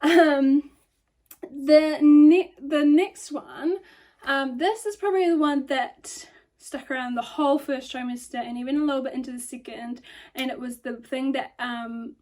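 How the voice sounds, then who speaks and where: A young woman in her twenties talks in a bright, high voice, chatting casually on camera. Her delivery is rambly, full of ums and likes, and she sounds slightly out of breath. She records on her phone in a bedroom lit by a lamp. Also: measured pace. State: a bit out of breath. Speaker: vlogger.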